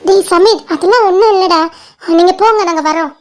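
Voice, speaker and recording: A woman voicing very high-pitched college girls. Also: a little fast. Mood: pleading. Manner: pleading, affectionate, bossy with the boys. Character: chatty young college girls, worried friends. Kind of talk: cartoon voice acting.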